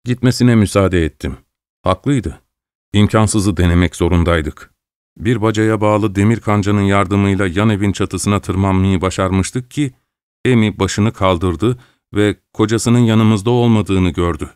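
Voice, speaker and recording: Low male voice reading an audiobook, measured and dramatic, dry close mic. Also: a little mellow, clean tone, no echo. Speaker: audiobook narrator. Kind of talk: scripted audiobook narration.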